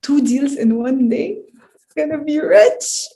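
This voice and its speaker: A woman's voice: sits high, expressive, unhurried, warm tone. A young woman playing a poor, trusting fairy-tale girl, with melodramatic delivery, in a school play over video call. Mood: dramatic. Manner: melodramatic, wailing.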